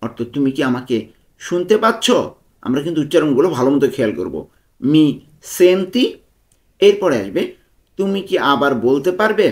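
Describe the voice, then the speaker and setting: A man with a Bangladeshi accent teaching a language lesson, repeating example phrases slowly and deliberately. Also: a little high. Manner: slow, deliberate spelling-out of foreign phrases, rising on the examples.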